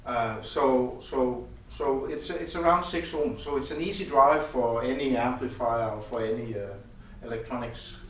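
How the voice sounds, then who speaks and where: Talking through his own loudspeakers at an audio show, the designer offers a technical product explanation in conversation, pausing and halting as he goes. He has a medium-pitched, slightly bright voice, heard through a distant mic in an echoey indoor demo room with faint noise.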